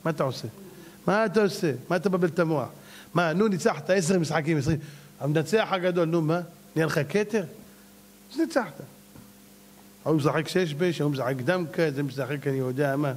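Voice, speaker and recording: A male rabbi giving a sermon to a live class, telling stories dramatically and firing off rhetorical questions. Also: fairly high pitch.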